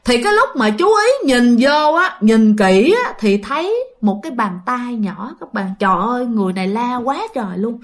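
A woman's voice: fairly high pitch, animated, moderate pace, hardly any pauses. A woman with a Southern Vietnamese accent telling a ghost story in a chatty, dramatic way, often addressing her listeners directly. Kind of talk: casual spoken storytelling.

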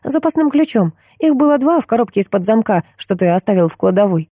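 Young woman, stubborn and caring daughter, soft and level, read by a woman narrator in a higher voice. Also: quick pace, no echo, studio quality. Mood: calm. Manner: quiet, even, gently defiant.

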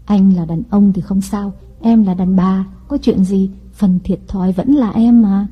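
A man voicing a sly young wife in an audiobook story, speaking in a coaxing, wheedling falsetto with a husky edge. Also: steady tone, unhurried, lo-fi sound.

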